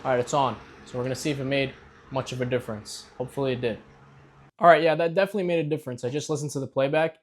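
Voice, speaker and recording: A man's voice: medium pitch, fairly even intonation, rapid-fire. A man talking in an easy, chatty way, full of little fillers, as he tests a gadget. His voice comes through a clip-on mic with noise cancellation switched on, so the sound is cleaned up and a little processed. He is in an indoor room. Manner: chatty, loose, with many fillers. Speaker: tech product reviewer. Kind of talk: casual product-test vlog. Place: indoor room with a running fan. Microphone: clip-on wireless mic on the shirt.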